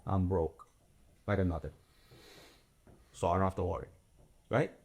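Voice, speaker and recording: Man, lower voice; teasing co-host, casual banter. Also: fairly even intonation, a little mellow, slightly rough. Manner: teasing, quick questions. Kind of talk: casual chat.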